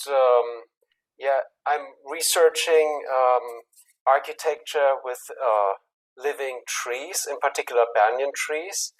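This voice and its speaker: A man with an ordinary middle-pitched voice introduces himself on a video call. He speaks in a measured way, with small fillers. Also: poor audio. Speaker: architecture researcher.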